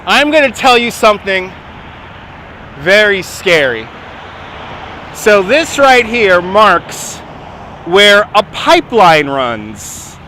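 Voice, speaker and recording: A New York-accented man livestreams while walking along a waterfront, filming on a phone mounted on a handheld gimbal. His voice sits high with a sharp tone, and there's a faint hiss or hum. Chatty and quick to laugh, he answers his viewers as he goes.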